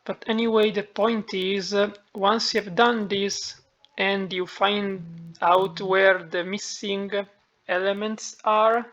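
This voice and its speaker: A woman with a heavy Italian accent walking through a software tutorial, thinking aloud and correcting herself as she goes. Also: medium pitch, fairly even intonation, slow pace. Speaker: tutorial maker. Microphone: phone. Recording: dull lo-fi phone-mic recording.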